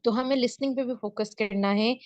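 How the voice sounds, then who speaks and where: A woman's voice: a little high, moderate pace, a little mellow, no echo, dull audio. A woman with a Pakistani accent giving an online spoken English lecture, often checking in with her students as she explains. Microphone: video call.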